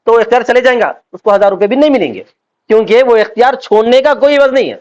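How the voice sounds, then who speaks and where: A man's voice: very high voice, animated, a little mellow. A man teaching a religious law class, constantly asking his students whether they follow and acting out quoted speech. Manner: asks students constant check questions; acts out quoted speech in everyday voices. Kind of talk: classroom lecture on Islamic law. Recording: dull lo-fi lecture recording.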